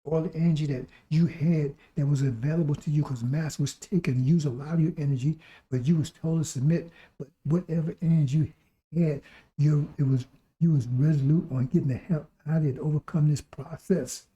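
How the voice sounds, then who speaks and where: A man delivers a sermon in a very mellow, dark voice that sits a little high. He sounds hoarse, as if recovering his voice, and exhorts listeners with repeated phrases and rhetorical questions. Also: fairly even intonation, fairly quick, muffled recording. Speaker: preacher.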